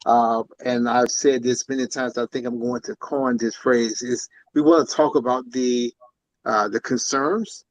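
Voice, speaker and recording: A man's voice: mid-range voice, fairly even intonation, measured pace, dry recording, poor audio. Male panel host on a phone, dry and close, loose and rambling. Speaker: podcast host. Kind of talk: hosting a live-stream panel. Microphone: cell phone.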